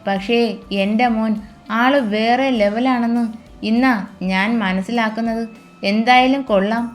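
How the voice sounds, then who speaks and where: A woman's voice: on the high side, fairly even intonation, measured pace, faint music behind, close to an everyday voice. Woman voicing a fond, chiding mother. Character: middle-aged mother, fond and teasing.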